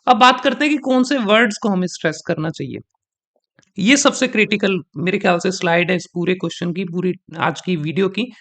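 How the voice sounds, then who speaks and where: High-voiced man teaching a language lesson. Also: a bit bright. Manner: explanatory, repeats example sentences slowly with shifting stress. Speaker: exam coaching trainer. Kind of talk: teaching in Hindi mixed with English.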